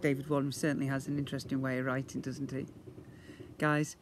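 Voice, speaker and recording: A middle-aged man reads aloud to young pupils like a teacher, giving animated storybook narration fairly quickly in a mid-range voice with little pitch movement. The setting is an outdoor brick-walled yard, and the handheld recording is noisy.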